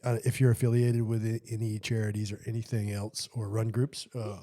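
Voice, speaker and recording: Halting man hosting a podcast. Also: lowish voice, flat delivery, warm tone. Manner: halting, many fillers and restarts. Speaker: podcast host. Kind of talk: casual podcast chat.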